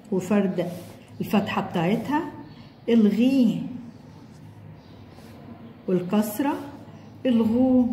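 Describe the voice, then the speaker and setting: A kindergarten teacher with an Egyptian accent, her voice somewhat high and warm, patiently stretching out letter sounds for young learners. The recording rings with a long, hall-like reverb and a faint hiss of background noise. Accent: Egyptian Arabic. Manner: sounds out letters and syllables slowly and clearly, coaxing the child along. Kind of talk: recorded lesson for young children.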